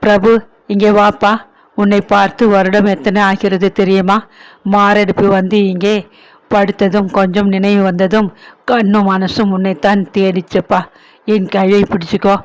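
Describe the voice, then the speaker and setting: A man's voice: high-pitched, flat delivery, unhurried. A man voicing an elderly ailing mother who pleads with her son, emotional and remorseful.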